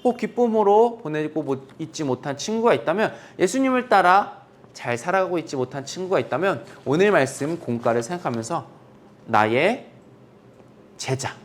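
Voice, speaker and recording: A cheerful man goes over a children's Bible quiz, reading out each answer. His fairly high voice moves around a lot as he talks to the kids. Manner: cheerful, speaks warmly to the children. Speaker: children's ministry teacher. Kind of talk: children's worship quiz review.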